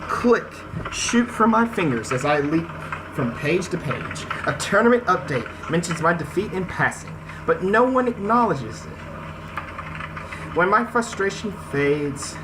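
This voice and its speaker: In this gaming video, a man with a fairly high voice and big pitch swings speaks at a measured pace. He shifts between casual, slangy asides and narrating a story aloud in a let's play, against a noisy background of video game music.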